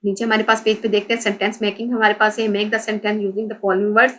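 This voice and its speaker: A woman's voice: medium pitch, level tone, a bit bright, slight background noise, low-quality recording. Woman teaching a textbook lesson. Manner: explains in Urdu, reads English slowly and spells out letters.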